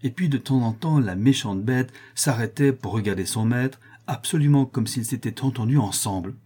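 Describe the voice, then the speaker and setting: A male audiobook narrator with a husky, mellow voice. He reads in an expressive storytelling manner at a middle pitch. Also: moderate pace.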